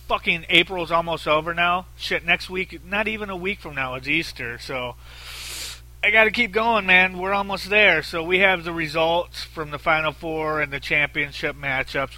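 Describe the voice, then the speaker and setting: A podcast host in his thirties talks solo at normal speed, his very nasal, bright, sharp-edged voice sitting a little high for a man. He is blunt, swears freely and rambles with lots of fillers. The low-quality recording has no room sound.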